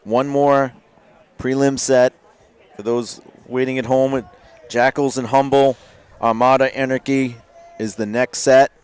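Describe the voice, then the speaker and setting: A man giving live paintball commentary in a relaxed way, with many fillers and restarts. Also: mid-range voice, measured pace, clean tone.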